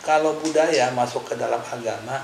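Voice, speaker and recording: Man, co-host, conversational, gravelly, faint hiss. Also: mid-range voice, moderate pace, darkish tone. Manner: conversational, explaining with examples. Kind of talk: casual religious discussion. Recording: echoey room with faint hiss.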